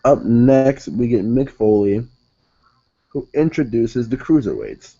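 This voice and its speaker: A man's voice: mid-range voice, animated, slow, mellow, highs cut off. A young man reviewing a wrestling show in casual solo talk, rambling, correcting himself and sounding exasperated.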